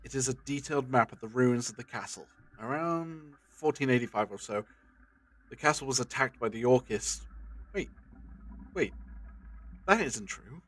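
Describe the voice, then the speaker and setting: A man's voice: medium pitch, lively intonation, normal speed, pauses often, close to an everyday voice, rough recording. A man playing a brainy, earnest time-travelling adventurer in an audio drama, with a theatrical manner. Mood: urgent.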